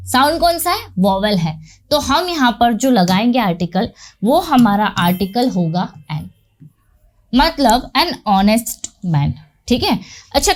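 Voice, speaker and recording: A woman with an Indian accent teaching an English grammar lesson, explaining step by step and asking and answering her own questions. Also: high-pitched.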